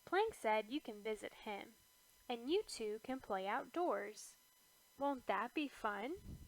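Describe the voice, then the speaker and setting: A woman's voice: on the high side, animated, takes it slowly, poor audio. A woman voicing an eager young boy cat in a children's storybook. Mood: coaxing. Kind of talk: children's storybook read-aloud.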